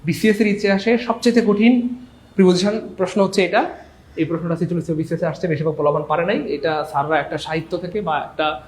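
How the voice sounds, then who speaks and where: A man's voice: fairly high pitch, steady tone, fast talker, darkish tone, roomy sound, low-quality recording. A man teaching English grammar in a playful, teasing live lesson, often repeating his words.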